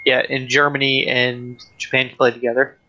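Guy on a game stream, sharp bright voice, kinda monotone, lots of ums. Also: mid-range voice, normal speed, dull audio. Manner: hesitant, lots of ums and restarts, flat delivery. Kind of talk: casual gaming chat.

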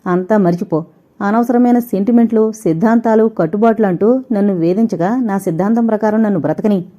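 A spoiled, arrogant young heiress who snaps her words out fast and loud, full of scorn, as a woman reading an audio novel puts her on. The voice sits dark and mellow for a woman, and the recording is dull and lo-fi. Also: medium pitch, natural voice. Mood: scornful. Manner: haughty, cutting, quick.

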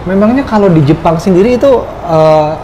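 A man's voice: sits high, animated, brisk, noisy background. A man hosting a casual interview, teasing his guest and repeating words to correct his pronunciation. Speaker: host.

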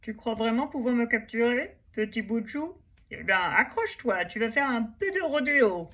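Storybook bison, large male, kindly and booming, read by a woman. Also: animated, moderate pace, fairly bright tone, dull audio. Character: big good-natured male bison.

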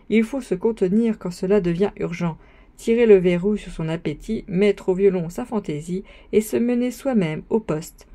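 A woman's voice: medium pitch, dark tone, natural voice. A woman reading a pompous young student. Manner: grandiloquent, sermonizing. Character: pompous young male student lecturing friends. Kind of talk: audiobook reading.

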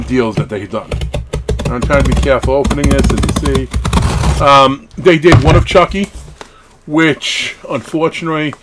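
There's slight background noise as a man in his thirties, medium-pitched and fairly bright, rambles casually through an unboxing. He's a horror collectibles hobby vlogger recording indoors in a small wood-panelled room at home, often breaking off into asides.

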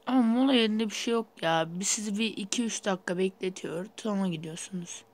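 A man's voice: sits high, brisk. A young man giving casual, rambling gameplay commentary while sleepy, with sudden startled outbursts. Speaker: gaming YouTuber.

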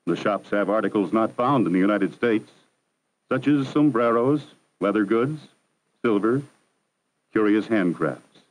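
Over an archival film soundtrack of poor quality, a man with a fairly low voice narrates a 1960s educational film. He sounds measured, formal and instructive, steady in the way of a scripted documentary.

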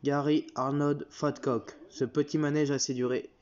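A man's voice: a little high, little pitch movement, moderate pace, darkish tone, close to an everyday voice. A man voicing a bossy, sarcastic middle-aged wife who scolds her husband, on a dull lo-fi recording. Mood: scolding.

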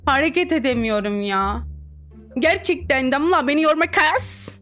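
Giggly high-voiced woman gamer. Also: normal speed, a bit bright. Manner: giggly, teasing, reads chat aloud in playful voices. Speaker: gaming streamer. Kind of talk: casual Roblox gameplay commentary. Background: background music.

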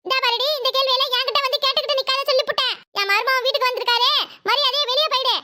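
A woman's voice: very high-pitched, fairly even intonation, rapid-fire, sharp tone, heavily acted. A woman voicing a harsh, scheming mother-in-law who scolds and threatens. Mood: scolding.

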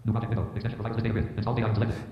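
A man's voice: on the low side, completely flat delivery, very fast. A robotic, synthetic male screen reader voice that rattles off interface labels and spelled-out letters. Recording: dull, roomy hall reverb from speakers.

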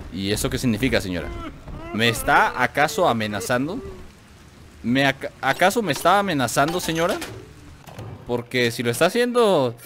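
A man with a Mexican accent who chats and jokes to himself and his viewers while playing a video game. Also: mid-range voice. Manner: jokey, chatty, talks to himself and the viewers. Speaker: gaming video host. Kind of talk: let's play commentary.

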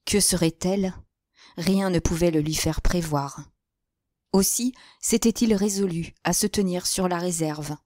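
A woman narrating a classic crime novel as an audiobook, with a measured literary reading. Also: fairly low pitch, a little mellow.

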